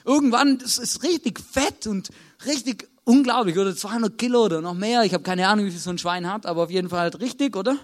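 A man's voice: sits high, fast. A man with an Austrian accent preaching a sermon in a conversational way, checking in with listeners after nearly every sentence. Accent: Austrian German.

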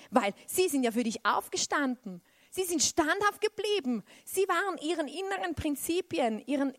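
A woman preaching a sermon in an animated way, swinging between loud exclamations and soft, hushed emphasis. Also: on the high side, no room sound.

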